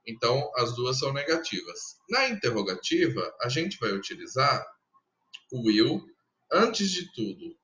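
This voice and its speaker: A Brazilian man teaching a recorded lesson, his voice bright and forward. He explains patiently, step by step, repeating each example slowly. The sound is dull and somewhat lo-fi. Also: medium pitch, very animated. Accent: Brazilian Portuguese. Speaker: English teacher.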